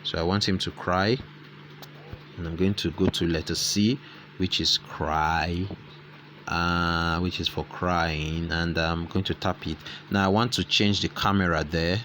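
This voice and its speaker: Deep-voiced man explaining an app. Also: fairly even intonation, unhurried, bright, forceful tone, slight background noise. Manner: rambling, self-correcting explanation. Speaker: tutorial host. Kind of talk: screen-recorded app tutorial.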